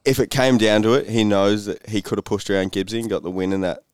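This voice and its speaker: A man's voice: fairly low pitch, fast, a little mellow, smooth, no room sound, clean studio sound. A man co-hosting a casual motocross podcast, blunt and teasing, keeping the show moving. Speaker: podcast co-host.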